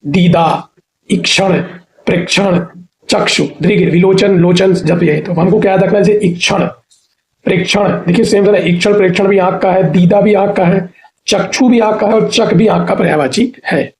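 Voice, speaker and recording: A man teaching a Hindi exam-prep class, asking a question and then answering it himself, repeating each answer and spelling words out slowly. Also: sits high, steady tone, darkish tone. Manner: drops "theek hai" checks between points.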